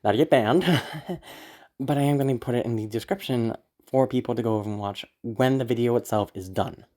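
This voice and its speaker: An audio creator speaks fairly quickly to listeners, their mid-pitched, mellow voice worn and sore from being ill. The casual talk is rambling and hesitant, full of anxious apologies and casual swearing.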